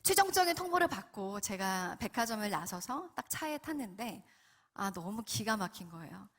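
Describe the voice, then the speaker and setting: A woman's voice: mid-range voice, sing-song, normal speed, a bit bright, husky. A middle-aged woman giving a testimony sermon at a prayer meeting, telling her story and acting out her own past words and what she heard from God. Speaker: guest speaker at a prayer meeting.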